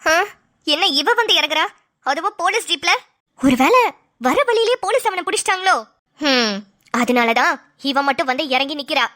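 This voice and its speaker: A woman voicing a sharp-tongued young wife in a cartoon, grumbling and sarcastic. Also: high voice, lively intonation, moderate pace, long pauses. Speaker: cartoon voice actor. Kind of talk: cartoon voice acting.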